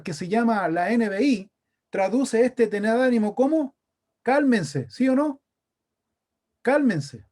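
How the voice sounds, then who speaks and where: A Chilean man preaches in a high, mellow voice. He keeps it conversational and often turns to his listeners with questions. The sermon is delivered in a church meeting room. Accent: Chilean Spanish. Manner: conversational, asks the congregation questions.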